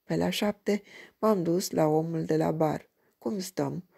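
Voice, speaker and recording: A woman reading a crime story aloud in an even, measured way. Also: sits low, vocal fry, breathy edge. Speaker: audiobook reader.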